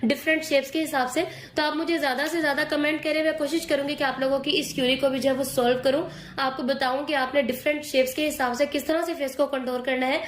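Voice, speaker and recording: A hoarse woman patiently explaining a makeup tutorial step by step, pushing her voice and checking in with her viewers often. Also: high-pitched, fairly even intonation, fast talker, roomy sound, a little hiss or hum.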